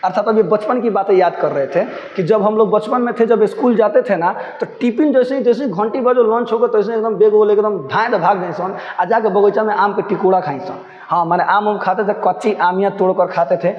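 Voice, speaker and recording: High-voiced Bihari man teaching. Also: brisk, reverberant, in a large hall, muffled recording. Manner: switches between textbook Hindi and Bhojpuri-tinged dialect, acting out quotes. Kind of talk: line-by-line lesson explanation.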